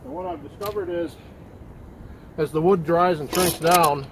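A man in his thirties hosting a woodworking channel, talking casually outdoors in a sawmill yard, relaxed and rambling, restarting words as he goes. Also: a little high, unhurried, noisy background. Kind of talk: casual outdoor workshop commentary.

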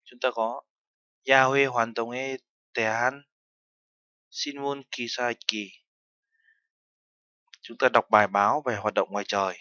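A man's voice: mid-range voice, steady tone, takes it slowly, pauses often, pushed and bright, no echo, muffled recording. A man teaching a language lesson, explaining terms step by step and mixing in foreign words. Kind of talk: lesson narration.

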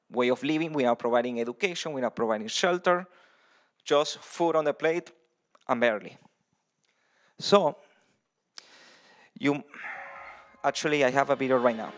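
A man in his thirties from Venezuela giving a conference talk in a large hall, speaking conversationally into a handheld mic with frequent ums and restarts. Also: medium pitch.

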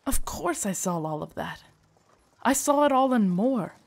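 In an intimate scripted monologue for a roleplay audio drama, a woman voices a devoted lady knight, a tender, earnest royal guard who is shyly lovestruck. Her voice is low and darkish, at a moderate pace, earnest and reassuring. She speaks formally and courtly, hesitating and stammering when flustered.

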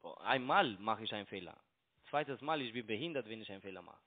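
Heard through a tinny narrowband phone line, a foreign-accented man with a lowish, animated voice talks quickly. German isn't his first language; he's a phone broker and scam caller who argues in broken sentences and keeps pressing the same phrases.

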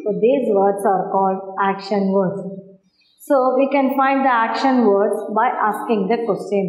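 A woman's voice: medium pitch, normal speed, darkish tone. A middle-aged woman with a South Indian Tamil accent teaching a primary school English lesson, explaining and repeating phrases for pupils in a classroom. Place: indoor classroom at a blackboard. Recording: echoey, reverberant room.

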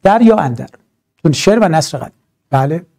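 A male teacher running through grammar points for an exam. His voice sits high, but its tone is dark and mellow. He swings his pitch up and down a lot. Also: gravelly. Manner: animated, emphatic, drawn-out stresses and rhetorical asides. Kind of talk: exam-prep grammar lesson.

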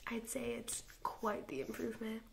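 Woman acting a snippy popular girl, ASMR role-play, creaky. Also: a little high, steady tone, normal speed, a little hiss or hum. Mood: smug, belittling. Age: young adult. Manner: mock-sweet, snippy, condescending. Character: snooty mean popular girl at a party. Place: small indoor room, seated before camera.

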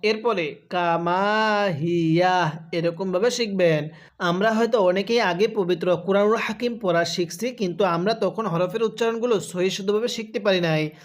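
A Bangladeshi man with a high voice teaches Quran reading, spelling out syllables and reciting verses in a drawn-out way for learners to repeat.

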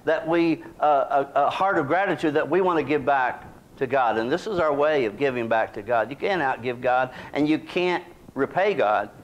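A man's voice: mid-range voice, moderate pace. A middle-aged man, preaching a sermon in a small church in a folksy, conversational way. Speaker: pastor. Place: small church sanctuary, indoors.

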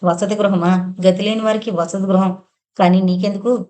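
A woman's voice: mid-range voice, fairly even intonation, normal speed, mellow, close to an everyday voice. Woman voicing a curt irritable young husband. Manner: curt, snappish.

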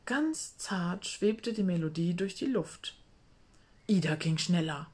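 A woman calmly reading a children's book aloud. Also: on the low side, takes it slowly, slightly rough.

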